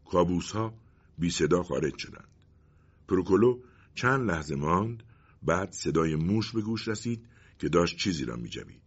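A man narrating a story in an expressive, dramatic way with a husky voice. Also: sits low, highs cut off.

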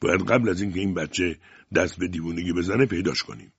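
A brusque, stern police commissioner, as a male audiobook reader plays him, very deep and husky. He speaks in a curt, official way, the sound dry and dull. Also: no echo. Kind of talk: audiobook character voice.

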